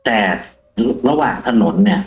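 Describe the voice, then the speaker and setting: A man, a taxi driver, telling a ghost story in a casual, animated way on a live show. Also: normal speed, echoey room, highs cut off, soft background music. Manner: animated, acts out the quoted lines himself.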